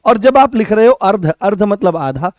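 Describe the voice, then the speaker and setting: A man teaching a Hindi exam-prep class, repeating each point and quizzing students with lively, chatty asides. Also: high voice, normal speed, no echo, studio quality. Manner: repetitive, drilling questions to students. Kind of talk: classroom lecture.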